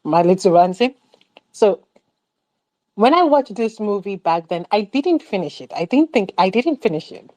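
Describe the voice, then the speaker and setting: A woman's voice: mid-range voice, big pitch swings, normal speed, warm tone, low-quality recording. A woman on a film club panel, ranting animatedly about a movie with rhetorical questions. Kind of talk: casual film critique chat.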